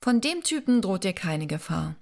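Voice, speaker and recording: A woman voicing a gentle, playful young man in love, reading his lines softly in an audiobook. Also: mid-range voice, very animated, moderate pace, creaky. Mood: tender, teasing. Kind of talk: audiobook dialogue.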